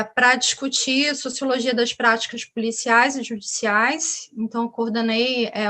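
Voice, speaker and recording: A middle-aged Brazilian woman speaks on an academic panel in a fairly high voice. She hesitates often, repeats small words and restarts her sentences as she goes. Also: fairly bright tone. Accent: Brazilian Portuguese. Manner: hesitant, many fillers and restarts. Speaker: university professor on a panel.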